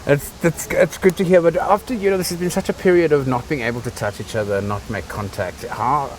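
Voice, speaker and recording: A man's voice: a little high, a little fast, recorded from a distance, a little hiss or hum, rough recording. Affectionate man hosting an interview. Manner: affectionate, hesitant with many ums. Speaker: interviewer host. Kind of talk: casual interview.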